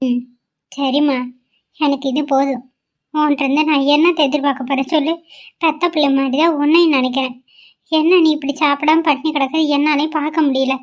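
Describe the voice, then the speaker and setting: A woman's voice: sits high, steady tone, fairly quick, lightly acted. A woman voicing a caring, middle-aged mother-in-law in a cartoon, speaking in a motherly, chiding way. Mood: persuading. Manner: motherly, chiding, warm-hearted. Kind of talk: amateur cartoon voice acting. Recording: dull lo-fi sound.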